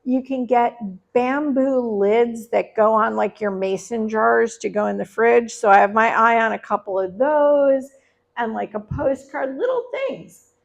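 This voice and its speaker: Middle-aged woman spinning a funny story live, bit high, gravelly crackly voice, chatty. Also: fairly even intonation, measured pace, highs cut off. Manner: chatty, conversational, laughing asides. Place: live event venue.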